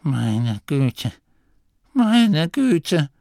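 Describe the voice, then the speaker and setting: A man's voice: sing-song, extremely slow, vocal fry, warm tone, dry recording, clean studio sound, heavily acted. A man voicing an old, anxious male gnome abbot who stammers and blusters in a storybook reading. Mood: bewildered. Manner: flustered, stammering, high-pitched. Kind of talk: audiobook character voice.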